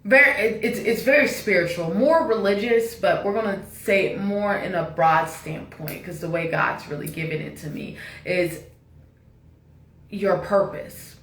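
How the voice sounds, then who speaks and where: A woman's voice: medium pitch, measured pace, roomy sound, distant mic. Casual woman giving a spiritual message. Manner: relaxed, repetitive, preachy. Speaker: spiritual reader.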